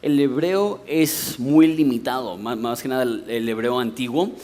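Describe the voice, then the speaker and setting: A Mexican pastor preaches a sermon from the pulpit in a Mexican Spanish accent, explaining things conversationally and asking rhetorical questions. His voice is mid-range and a little mellow, and he speaks at a measured pace.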